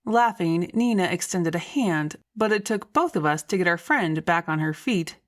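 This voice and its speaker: A woman's voice: lowish voice, expressive, moderate pace. A woman reading scripted first-person story narration as an audiobook narrator.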